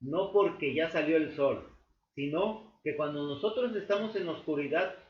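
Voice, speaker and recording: A man teaching a Bible study class, explaining slowly with many fillers and restatements. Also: on the high side. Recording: echoey, dull room recording with faint noise.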